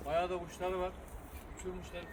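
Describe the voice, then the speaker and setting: A man's voice: high voice, monotone, brisk. A man hosting a casual outdoor video, chatting to viewers and prompting a breeder, with pigeons cooing around him. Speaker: host presenting pigeons for an auction. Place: outdoors beside a pigeon coop. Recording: noisy outdoor recording with birds cooing. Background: cooing pigeons and outdoor noise.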